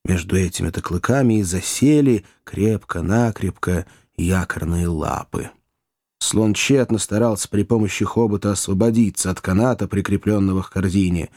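A man reading an adventure novel aloud in an even, descriptive storytelling manner. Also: low-pitched, moderate pace, dry recording, studio quality. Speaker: audiobook narrator. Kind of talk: scripted audiobook narration.

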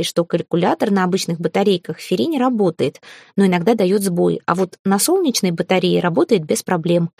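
Woman narrator, calm first-person audiobook reading, gravelly, dry close sound. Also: lowish voice, no room sound.

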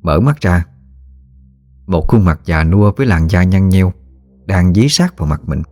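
A man reads a ghost story aloud in a measured, somber voice. His voice is very low and deep, and he keeps a steady storytelling pace. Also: faint music behind. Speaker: narrator. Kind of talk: scripted horror story narration.

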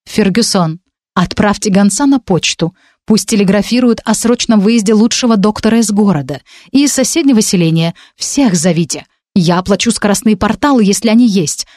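A haughty, cold-tempered duchess from an audiobook, played by a woman reader. She speaks in an imperious, icy, sharp manner, giving orders with aristocratic disdain. The sound is dry and close. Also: medium pitch, expressive, normal speed, no room sound, close to an everyday voice.

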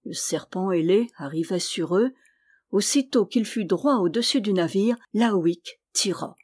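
A woman storyteller reads a fairy tale aloud, measured and expressive. Her voice sits in a middle pitch. She keeps a steady, calm flow. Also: slightly rough.

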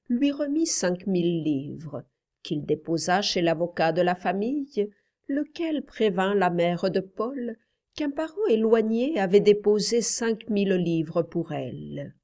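Brief: female audiobook narrator, calm, unhurried, mid-pitched. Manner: calm, deliberate reading. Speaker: audiobook reader. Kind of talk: scripted narration.

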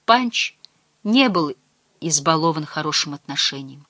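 A woman narrating a story in an audiobook, with measured, expressive storytelling. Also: low-pitched, no room sound.

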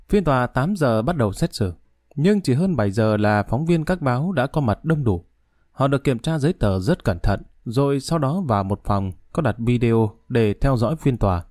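Guy reading a story audiobook, steady and measured, dark mellow voice, dry. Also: mid-range voice, no echo. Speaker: narrator. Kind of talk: audiobook narration.

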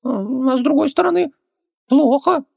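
A squeaky little djinn. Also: male voice, moderate pace, vocal fry, full character voice. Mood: eager. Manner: squeaky, eager, fussy chatter. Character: small excitable male djinn servant.

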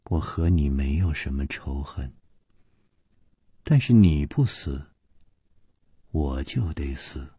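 Man doing a sick sad woman, quiet and breathy, husky, close and dry. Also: animated, takes it slowly, pauses often, no echo, exaggerated voice. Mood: sorrowful. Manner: soft, low, breathy and subdued. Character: weary ailing woman, sorrowful and resigned.

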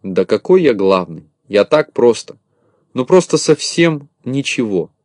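Man putting on a bragging bossy little shorty, shouty and flustered, storybook figure, dry close sound. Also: fairly low pitch, expressive, moderate pace, dry recording.

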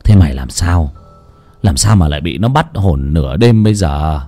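A gruff older village father, as a male narrator puts him on, speaks low and curt, sounding worn out. His voice is dark and mellow over faint background music. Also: expressive, normal speed.

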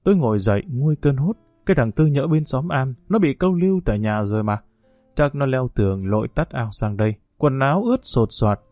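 A man narrating a novel in a steady, unhurried storytelling manner. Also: mid-range voice, no room sound, soft background music. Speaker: audiobook narrator.

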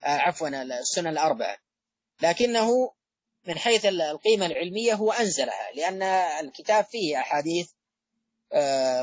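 A male lecturer delivers a measured academic talk, stopping often on long fillers and restarting his phrases. His voice is husky and slightly breathy, set close and dry with almost no room sound. The recording is a little dull and muffled. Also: fairly high pitch, no room sound. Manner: halting delivery with frequent drawn-out fillers and restarts. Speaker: lecturer on hadith studies.

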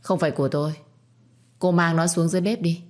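A woman's voice: lowish voice, fast, lightly acted. A woman voicing a young man, the master of the house, who speaks coldly and curtly. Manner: cold, curt, calm. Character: young male master of the house, cold and curt.

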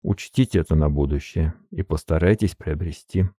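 A man voicing a suave, weary older privy councillor in an audiobook, slow, measured and courteous. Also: very deep voice, dark tone, no echo, clean studio sound. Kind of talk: audiobook character reading.

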